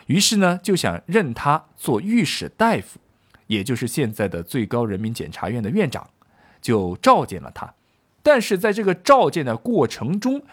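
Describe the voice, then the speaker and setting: A man's voice: medium pitch, slightly rough. A man explaining a classical poem through a casual storytelling lesson, with joking asides and many fillers. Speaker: literature explainer.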